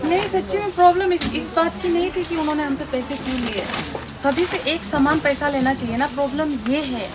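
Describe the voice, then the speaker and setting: High-voiced indignant young woman vlogger. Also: very noisy. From Arunachal Pradesh, India. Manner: indignant, chatty, mixes English phrases. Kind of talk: casual vlog narration. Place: outdoors and in a supermarket. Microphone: handheld phone camera.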